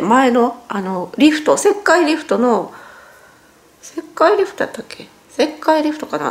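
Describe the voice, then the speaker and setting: A high, lively woman from Japan in her 40s chats to camera indoors at home in casual vlog narration, her voice swinging up and down. Nose surgery makes her sound a little stiff and strained; she winces in pain and often corrects herself mid-sentence.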